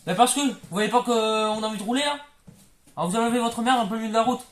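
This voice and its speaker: A young man playing a rude, hot-tempered learner driver in an amateur comedy sketch, swearing and quick to yell. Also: sits high, expressive, reverberant. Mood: irritated.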